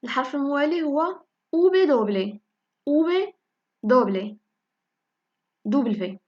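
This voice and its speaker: Moroccan woman teaching letters slowly. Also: high-pitched, big pitch swings, a little mellow, lo-fi sound. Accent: Moroccan Arabic. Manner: slow, repeats each word several times for learners. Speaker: language teacher. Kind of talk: spoken lesson in Moroccan Darija.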